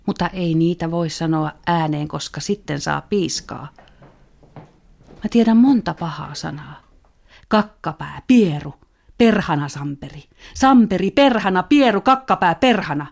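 Woman playing a naughty little child with a gravelly voice. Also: sits low, darkish tone. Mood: defiant, mischievous. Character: naughty small child chanting bad words. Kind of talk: radio drama monologue.

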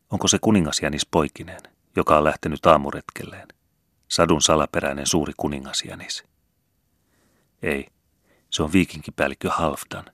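A man with an extremely deep, low voice narrates a story in a measured, unhurried way. The sound is dry and close to the mic, with no room around it. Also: a bit bright, no room sound. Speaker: audiobook reader. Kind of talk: scripted narration.

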